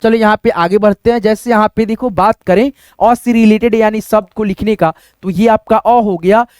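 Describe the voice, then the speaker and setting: High-voiced man teaching step by step. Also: steady tone, darkish tone, clear, resonant tone, no room sound, clean studio sound. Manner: explains slowly and step by step, says "friends" often, asks then answers himself. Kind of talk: casual Hindi writing lesson.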